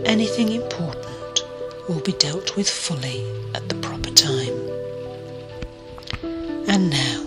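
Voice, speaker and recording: A woman leading a guided meditation in a soft, soothing voice that often drops to a breathy near-whisper. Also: sits low. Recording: clear music bed behind the voice.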